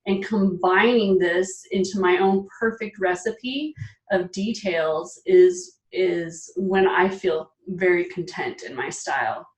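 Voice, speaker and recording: A woman in her forties, a style expert being interviewed, talking in an animated, emphatic way and laughing often. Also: fairly low pitch, slow pace, echoey room, far from the mic. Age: 40s. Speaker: guest, personal style expert. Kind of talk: casual interview chat.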